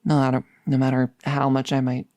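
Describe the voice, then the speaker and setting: Here a woman plays a girlfriend on the verge of turning vampire, nervous yet resolute, in an intimate ASMR audio roleplay. She rambles earnestly and hesitantly in a rumbling low, dark, monotone voice, brisk in pace, with no echo.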